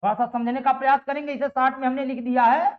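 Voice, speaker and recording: Guy teacher, super high voice, slow grammar lesson, dull lo-fi audio. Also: little pitch movement. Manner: repeats sounds and keeps checking with "ठीक है"; asks the students questions and answers them himself. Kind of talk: Hindi grammar lesson for exam preparation. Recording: dull, lo-fi sound.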